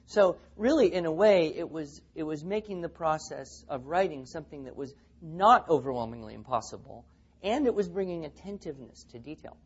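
A man's voice: a little high, lively intonation, fairly quick, slightly rough, dull audio. A man speaking at a teaching seminar, telling stories and acting out the quotes. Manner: storytelling, acts out quotes. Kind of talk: seminar talk with anecdotes.

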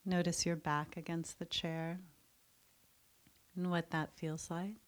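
A woman leading a guided mindfulness meditation, speaking softly and soothingly with long pauses. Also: on the low side, little pitch movement.

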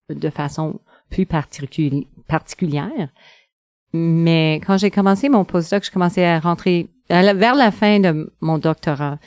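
A middle-aged researcher answers interview questions in a low, smooth, resonant voice. She speaks hesitantly, with frequent pauses and fillers. The sound is close and dry. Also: a little mellow, no echo. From northern Ontario.

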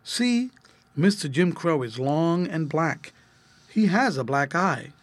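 Guy putting on a hearty storybook farmer, folksy, raised up high and loud, husky edge. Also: lively intonation, takes it slowly, dry recording. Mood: gentle. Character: hearty farmer toy man, kindly but fiery.

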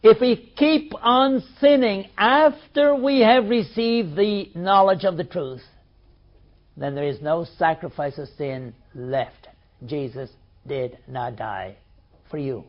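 A man's voice: high voice, slow pace. A man preaching a sermon, reading scripture aloud and explaining it with emphasis. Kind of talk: sermon, Bible teaching. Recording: dull lo-fi recording.

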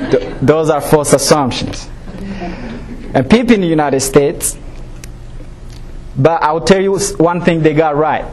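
Slow, halting man. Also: a little high, a little mellow, a little hiss or hum. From Rwanda. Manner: halting, many fillers and restarts. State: nervous. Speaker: student speaker. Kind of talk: personal testimony speech.

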